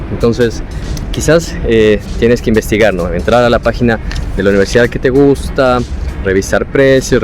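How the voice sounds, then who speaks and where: A young man with an Ecuadorian Spanish accent and a fairly low, slightly mellow voice vlogs casually. A former international student, he explains things and offers advice drawn from his own experience.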